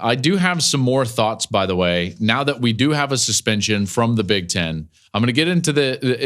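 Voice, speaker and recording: Middle-aged male podcast host, chatty and casual, mid-range pitch, easygoing filler-heavy delivery. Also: a bit bright. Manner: chatty, conversational, frequent fillers. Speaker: podcast host and football analyst.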